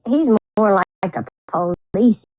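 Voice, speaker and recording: A woman chatting on a livestream in an animated, profane, slangy way. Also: mid-range voice, slow, dry recording, muffled recording. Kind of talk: casual livestream chat.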